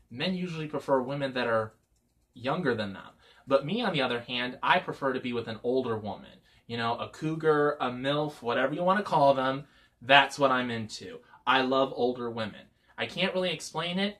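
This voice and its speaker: A fairly bright, medium-pitched voice belongs to a Michigan vlogger in his twenties speaking casually on camera. His talk is rambling and peppered with many "you know" fillers.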